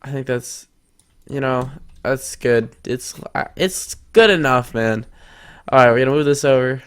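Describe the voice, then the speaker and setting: Speaking a little slowly, a teenage boy hosts an easygoing screen-recorded game tutorial in a mid-range voice that's clear, resonant, and slightly bright. He's talkative, narrates his thinking as he builds, and sounds mildly congested.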